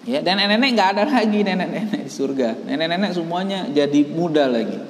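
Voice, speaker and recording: A man's voice: a little high, expressive, quick pace, a little hiss or hum. A man with an Indonesian accent teaching a religious text, explaining Arabic line by line and telling stories. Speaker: Islamic teacher. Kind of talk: religious study lesson. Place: mosque or pesantren hall. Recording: echoey hall.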